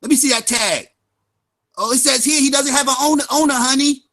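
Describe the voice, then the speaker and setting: A man's voice: extremely high pitch, brisk, bright, forceful tone, voice pushed up, heavily acted. A man putting on the voice of a doting pet owner who coos over a stray dog in mocking baby talk. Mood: cooing.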